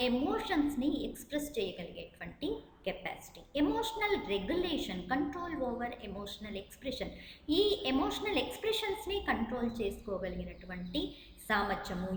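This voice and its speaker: Animated woman teaching, echoey room. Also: on the high side. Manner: reads English definitions slowly, then explains each term in Telugu. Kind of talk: exam-prep lecture. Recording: echoey room with long reverb.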